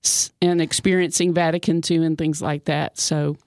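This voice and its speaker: A woman in her sixties hosts a casual radio talk show, chatty and bubbly, with plenty of fillers. Her voice is low and darkish with little pitch movement, at a moderate pace. The studio mic gives a dry recording.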